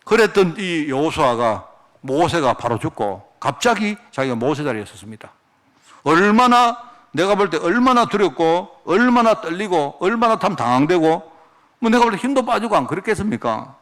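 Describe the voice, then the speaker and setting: A man's voice: on the high side, sing-song, normal speed. A male pastor preaching a sermon, firing off rhetorical questions as he goes.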